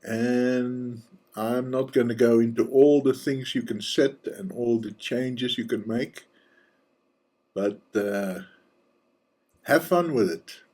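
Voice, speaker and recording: A man hosting a casual screencast walkthrough of software, thinking aloud and dropping relaxed joking asides. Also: medium pitch, takes it slowly. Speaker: software reviewer and channel host.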